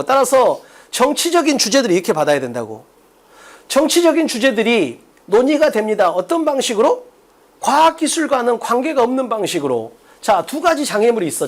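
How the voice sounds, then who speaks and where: A man lecturing on exam English, his pitch swinging widely as he drills students. He keeps firing rhetorical questions and answering them himself. His delivery is brisk and instructional, like a recorded prep-course lesson.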